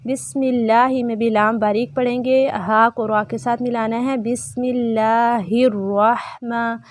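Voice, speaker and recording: A woman teaching prayer recitation online, chanting phrases slowly and carefully, then explaining pronunciation in quick asides. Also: fairly high pitch, fairly even intonation, no room sound. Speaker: tajweed teacher.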